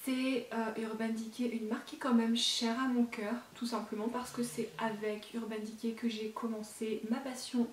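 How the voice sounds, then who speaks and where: A woman's voice: a little high, a little mellow, reverberant, recorded from a distance, a little hiss or hum. A woman beauty vlogger chatting casually to camera about her makeup collection, rambling with lots of fillers and self-corrections.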